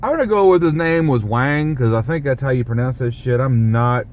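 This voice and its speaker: A man rambling through a casual vlog, joking and swearing freely. His pitch is mid-range for a man, and a faint vehicle hum sits under his voice. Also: a little fast, a little mellow. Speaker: vlogger. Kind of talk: casual profane monologue.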